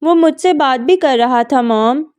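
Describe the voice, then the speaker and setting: A woman's voice: sits high, measured pace, a little mellow, clear, resonant tone. A woman reading a novel aloud, voicing a heartbroken young woman pleading through tears. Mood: distraught. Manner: pleading, distraught. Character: grief-stricken young woman sobbing over her lost love.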